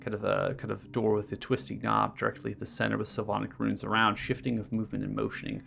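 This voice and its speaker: A man's voice: on the low side, completely flat delivery, quick pace, vocal fry, fairly bright tone. A man narrating a tabletop fantasy game as game master, with a dramatic, descriptive delivery.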